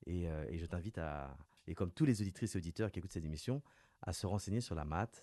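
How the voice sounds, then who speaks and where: Lively radio host, low dry voice. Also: male voice, fast talker, no room sound. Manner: lively, playful, announces clues with rising emphasis. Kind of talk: radio interview with a quiz game. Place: radio studio.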